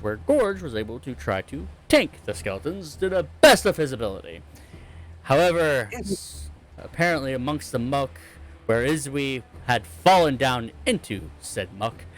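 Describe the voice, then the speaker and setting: A man's voice: medium pitch, a little hiss or hum. Rambling male game master recapping. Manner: rambling, self-correcting. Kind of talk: narrating a tabletop game recap.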